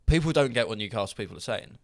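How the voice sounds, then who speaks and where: A man's voice: mid-range voice, animated, very fast, no echo, clean studio sound. An English man hosting a podcast, chatting casually with rambling asides. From England. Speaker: podcast host. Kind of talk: casual chat.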